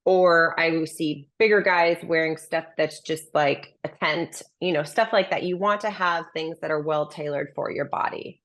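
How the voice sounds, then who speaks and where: A woman's voice: sits low, steady tone, moderate pace, hardly any pauses, fairly bright tone. A woman speaking as a dating coach in a conversational interview, explaining things and giving opinionated advice. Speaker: dating and relationship coach, menswear stylist.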